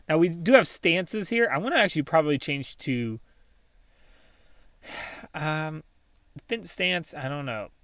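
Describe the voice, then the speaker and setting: A man's voice: on the high side, a bit bright, clear, resonant tone, no room sound. A man casually commentating his own game play, thinking aloud with many ums and small laughs. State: has the hiccups. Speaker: gaming channel host.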